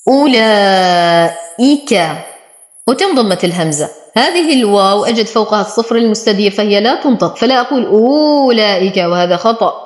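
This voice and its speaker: A woman teaching Quran recitation rules, explaining each letter step by step and then saying the word slowly. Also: mid-range voice, animated. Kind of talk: tajweed lesson. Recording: echoey room.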